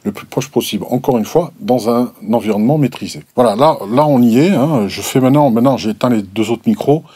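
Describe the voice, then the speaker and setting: A man's voice: mid-range voice, brisk, dark tone, breathy edge, no echo. A man reviewing microphones in a casual, explanatory way, hesitant and full of restarts and fillers. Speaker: gear reviewer. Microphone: desk microphones at a distance, switched between.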